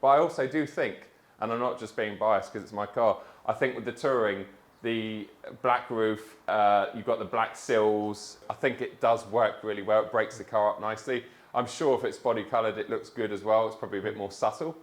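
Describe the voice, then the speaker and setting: A man's voice: lowish voice, steady tone, moderate pace. Enthusiastic man, chatty vlogger. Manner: enthusiastic, chatty, says "mate". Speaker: car vlogger collecting his new car. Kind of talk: casual chat.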